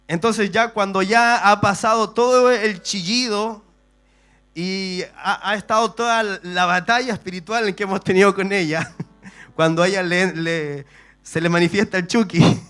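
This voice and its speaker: Male pastor, slightly high voice, sermon with humorous asides, faint music behind. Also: a little slow, a bit bright. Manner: preaching with frequent "amen" and rhetorical questions. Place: church service.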